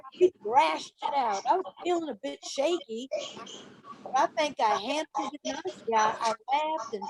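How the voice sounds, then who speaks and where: A woman's voice: high-pitched, natural voice. An actress playing a fragile, flirtatious, nervy genteel woman with an affected manner in a stage play. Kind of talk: stage play acting over a remote reading. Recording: noisy home recording.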